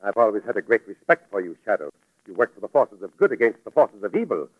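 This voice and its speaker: Fussy professor with wildly swinging pitch. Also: male voice, big pitch swings, fast talker, noisy background. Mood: indignant, fearful. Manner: prim, stammering when alarmed. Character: fussy, indignant male museum scholar. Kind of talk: 1940s radio drama acting. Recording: dry vintage radio recording.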